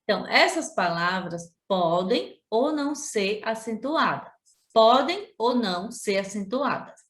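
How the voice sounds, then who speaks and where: A woman's voice: mid-range voice, lively intonation. A woman teacher from Sergipe with a Brazilian accent, giving a remote lesson to children, repeating points and drawing out syllables. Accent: Brazilian Portuguese, Sergipe. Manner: slow, drawn-out syllables when pronouncing example words; addresses pupils directly, repeats points. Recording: echoey room.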